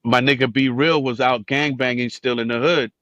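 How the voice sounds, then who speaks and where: A man in his fifties from Cuba tells a relaxed, animated story as a podcast guest, now and then slipping into higher voices to act out the people he quotes. His voice sits at an ordinary middle pitch, recorded close and dry. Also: moderate pace, no room sound, highs cut off. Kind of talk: casual storytelling interview.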